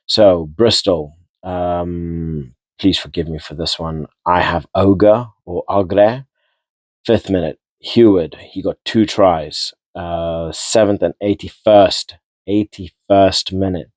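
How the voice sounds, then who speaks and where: A man's voice: low voice, fairly even intonation, takes it slowly, darkish tone, dry recording. A man giving a casual, rambling rugby match recap, repeating and restarting words as he goes. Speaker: rugby vlogger.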